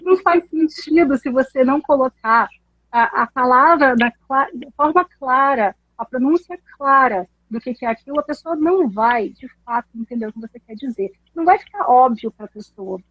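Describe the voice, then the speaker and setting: A woman, an English teacher explaining pronunciation in a casual chat, animated and laughing often. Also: sits high, moderate pace, breathy edge, dry recording, lo-fi sound.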